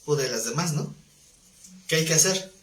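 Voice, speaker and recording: A man teaching a live Bible class, animated, breaking into quoted voices. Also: normal speed, a little hiss or hum. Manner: animated, acts out quoted voices with rising pitch. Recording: roomy echo.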